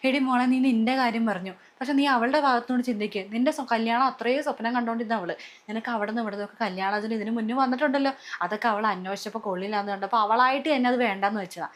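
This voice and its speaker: A woman playing a worried middle-aged mother who pleads with her daughters to stay calm, in a family skit. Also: fairly high pitch, rapid-fire, natural voice. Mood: pleading.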